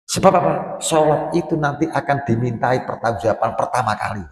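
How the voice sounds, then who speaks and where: A middle-aged man with an East Javanese accent preaching a Sunday morning mosque sermon, swinging between loud exhortation and quiet storytelling. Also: mid-range voice, animated, brisk, a little hiss or hum. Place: mosque hall. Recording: echoey hall recording.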